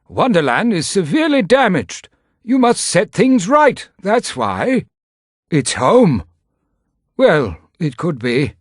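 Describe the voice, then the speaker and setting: High-voiced, slow, solemn guide. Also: male voice, no echo, studio quality, full character voice. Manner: deliberate, solemn, admonishing. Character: grave, cryptic male guide, weary and urgent. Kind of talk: video game character acting.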